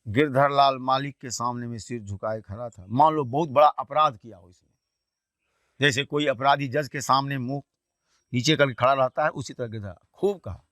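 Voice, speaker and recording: A man teaching a class, retelling a textbook story in a colloquial way and repeatedly asking quick questions that he answers himself. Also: medium pitch, fairly bright tone, dry recording, studio quality. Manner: poses quiz questions and answers them himself.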